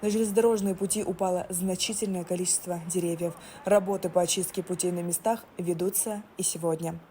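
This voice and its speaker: A woman's voice: fairly low pitch, fairly even intonation, a little fast, mellow. A woman reading a scripted news report as a field correspondent. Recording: faint ambient noise behind voice-over.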